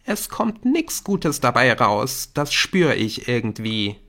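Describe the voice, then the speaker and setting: A man reading an audiobook, voicing a worried, earnest teenage schoolboy who pleads urgently in a raised, high voice. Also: big pitch swings, slow pace, pushed and bright, heavily acted. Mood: worried, insistent. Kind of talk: audiobook character voice.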